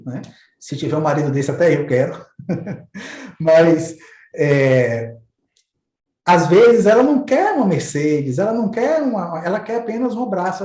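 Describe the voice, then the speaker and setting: A man's voice: on the high side, darkish tone. A man hosting a talk, explaining ideas in a casual, conversational way and illustrating them with little stories, often repeating words as he searches for them. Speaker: host explaining neuro-linguistic programming. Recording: roomy echoey recording.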